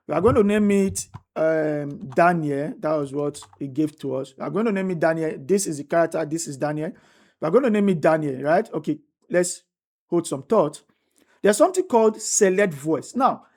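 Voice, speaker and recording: A woman's voice: lowish voice, darkish tone. A woman teaching a tutorial step by step, often repeating herself and checking in with "right?". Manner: repetitive, restates each step, asks "right?". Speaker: instructor. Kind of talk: screen-recorded tutorial walkthrough.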